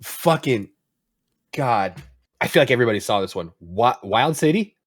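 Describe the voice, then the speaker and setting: A man's voice: mid-range voice, moderate pace, dry recording, studio quality. A young man co-hosting a gaming podcast, rambling and swearing as he tells stories in casual chat. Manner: rambling, profane, animated storytelling. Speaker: podcast co-host.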